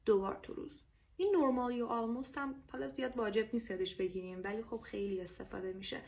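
Woman, Persian accent, English teacher, casual livestream lesson, repeats phrases slowly. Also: on the high side, vocal fry, a little mellow.

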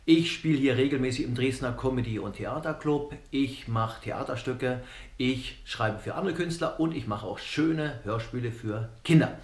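In an echoey room of his flat, a middle-aged comedian and cabaret artist delivers a jokey, conversational monologue to camera. His voice is medium in pitch and his pace is normal.

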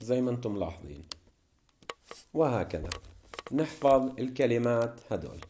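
A man with a Levantine Arabic accent teaches an English vocabulary lesson. He reads each word pair slowly and carefully, as if students are copying along. His voice sits at an everyday middle pitch. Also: big pitch swings, warm tone, a little hiss or hum. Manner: slow, deliberate reading of word lists. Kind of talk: classroom lesson explanation.

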